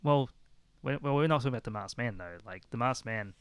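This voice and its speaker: A man hosting a relaxed podcast, recalling things in a loose, rambling way. His voice is smooth and clear. The sound is dry and close. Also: medium pitch, a little fast, no room sound. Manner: rambling, full of restarts and "like". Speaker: podcast host. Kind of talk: casual chat.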